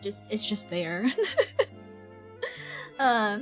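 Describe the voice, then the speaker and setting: An Irish woman whose accent comes across as neutral North American chats in a loose, slangy way on a rambling, giggly game stream. Her mid-range voice moves very slowly, with faint music in the background. She's a live streamer doing casual gaming chat.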